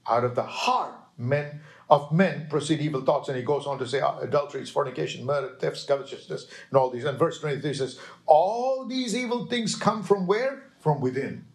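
A man's voice: medium pitch, steady tone, creaky. A man preaching a sermon with emphasis, quoting scripture and checking in with his listeners. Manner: emphatic, slow, with call-and-response checks to the listeners.

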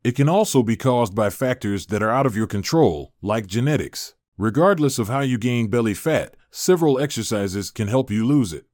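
A man's voice: medium pitch, moderate pace, hardly any pauses, dry recording. Man narrating a fitness script, dry sound. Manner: even, informative reading.

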